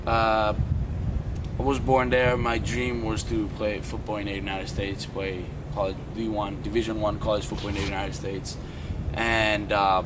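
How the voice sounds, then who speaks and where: A man's voice: lowish voice, level tone. A young man from Italy, telling his story as an interview guest, often restarting his sentences. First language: Italian. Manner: halting, with many restarts and fillers. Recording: distant outdoor mic with traffic noise.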